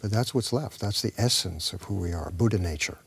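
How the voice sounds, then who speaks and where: A man's voice: fairly low pitch, fairly quick, gravelly, husky. A man, an actor, talking reflectively in an interview and telling a story with acted-out dialogue, sometimes dropping to a whisper.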